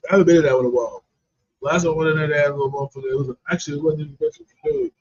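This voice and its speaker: A man's voice: on the high side, big pitch swings, very fast, crowd noise. A man co-hosting a comedy chat show, chatty, laughing along and adding side comments. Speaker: co-host. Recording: dull lo-fi stream audio.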